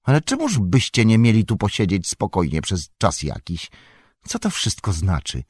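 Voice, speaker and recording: A man voicing an excitable, fussy middle-aged male innkeeper who rambles and frets. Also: lowish voice, normal speed, slightly rough, no echo, clean studio sound, voice pushed up, full character voice. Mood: fretful.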